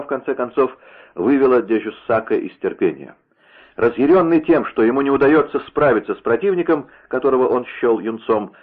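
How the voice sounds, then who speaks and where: A man narrating an adventure story in a steady, expressive reading voice. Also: medium pitch. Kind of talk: dramatic audiobook reading. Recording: tinny phone-like radio sound.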